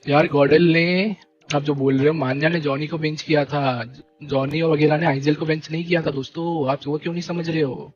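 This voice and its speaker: A young man leading a gaming team, ranting to his stream viewers in an animated, indignant way and repeating fillers. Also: a little high, brisk, highs cut off, music in the background. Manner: animated and indignant, keeps repeating "theek hai" and "bhai". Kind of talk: heated live-stream rant.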